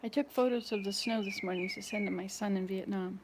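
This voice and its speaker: A woman's voice: mid-range voice, fairly even intonation, brisk, noisy background. A woman in her sixties chatting casually to viewers while she cleans her house, rambling from one chore to the next. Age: 60s. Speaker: vlogger. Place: home indoors.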